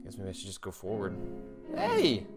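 A man's voice: sits low, wildly swooping pitch, moderate pace. A young man casually commenting on a video game, playful and chatty, joking and singing along. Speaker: let's play host. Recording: game music behind.

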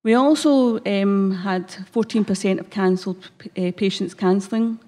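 A woman's voice: medium pitch, moderate pace, mellow. A woman with a broad Scottish accent giving a prepared conference presentation at a lectern microphone, somewhat hesitant, with frequent ums. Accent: broad Scottish, Glasgow area. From Scotland. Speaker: conference speaker, health service manager. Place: conference hall stage. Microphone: lectern gooseneck microphone.

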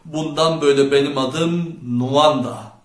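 A man's voice: on the high side, steady tone, moderate pace, close to an everyday voice. A man voicing a bold, charismatic teenage boy who leads his friends, playful and bossy, in an audiobook. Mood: cocky. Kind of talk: audiobook character voice. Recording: roomy echo.

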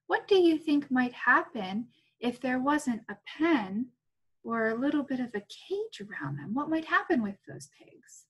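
A woman teaching a first grade class, reading a picture book aloud in a playful, gentle way and making animal sounds. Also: sits high, lively intonation, measured pace, breathy edge. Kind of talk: read-aloud lesson for young children. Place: home.

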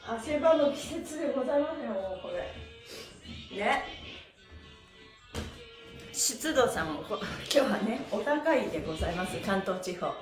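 Here the same stretching instructor and host, a middle-aged woman, sounds on the high side and expressive, speaking at a moderate pace with frequent pauses over music. She calls out instructions and rhythmic chants in a cheerful, playful lesson. The small bare-walled room echoes, and the camera mic sits a few steps from her.

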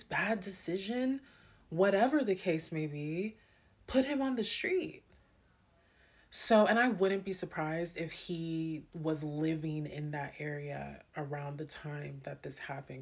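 A young woman telling a personal story in a casual, animated way, with many fillers. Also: deep voice.

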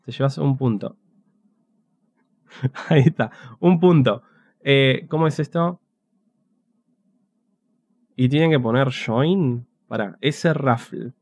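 A man's voice: medium pitch, slow, long pauses, a little mellow, no room sound. A man with a Rioplatense Spanish accent, commentating a game on a live stream in a chatty, joking way, talking to his chat. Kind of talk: casual livestream gameplay commentary.

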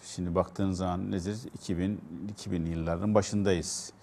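A man discussing local news in a TV studio, pausing often to search for words. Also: low voice, fairly even intonation, gravelly, warm tone, slight background noise. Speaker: local TV commentator. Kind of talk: casual studio chat.

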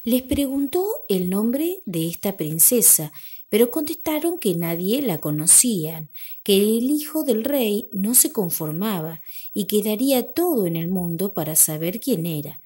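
A woman narrating a classic fairy tale in a measured, expressive storybook reading. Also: medium pitch.

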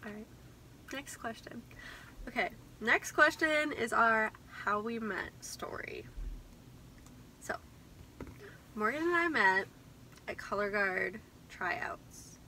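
A woman's voice: fairly high pitch, expressive, takes it slowly, pauses often, sharp tone, slight background noise, rough recording. A young woman co-hosting a casual vlog, upbeat and reading out questions. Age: young adult. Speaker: co-host. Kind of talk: casual chat.

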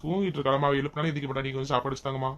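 A woman's voice: very deep voice, fairly even intonation, rapid-fire, pitched below the performer's own voice. Woman playing a grumbling hungry young husband. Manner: complaining, whiny pleading. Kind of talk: comedy family skit.

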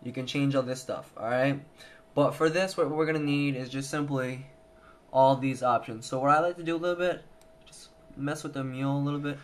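Working at a computer indoors, a young adult presenter thinks aloud through a hesitant, informal tutorial. His mid-range voice holds a steady tone and moves briskly. A handheld camera mic picks him up in a noisy recording.

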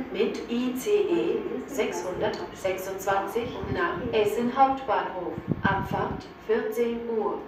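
Echoey female station announcer, standard German. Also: mid-range voice. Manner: measured, segmented, neutral delivery. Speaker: train station platform announcer. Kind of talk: scripted automated public announcement. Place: train station platform, over loudspeakers. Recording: echoey station PA, clear background station noise.

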